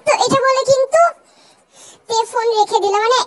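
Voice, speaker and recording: A woman narrates a comic fan-dub story in a very high voice. She drops chatty, amused asides between scenes, with a faint hiss underneath. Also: fairly quick, rough recording.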